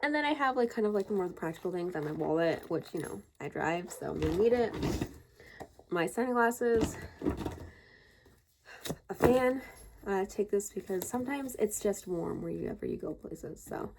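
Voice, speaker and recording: Woman, casual home vlog, rambling chatty talk, slightly breathless, gravelly voice, faint background noise. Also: mid-range voice, lively intonation, moderate pace, pauses often. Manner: chatty and rambling, with many fillers. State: a bit out of breath. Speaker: vlogger. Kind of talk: casual chat. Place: home, indoors.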